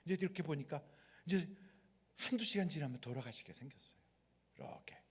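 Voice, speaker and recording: Husky and a little high, the man's voice moves briskly as he preaches a sermon. He's a pastor in a large worship hall with long reverb, vividly telling stories and acting out the people in them.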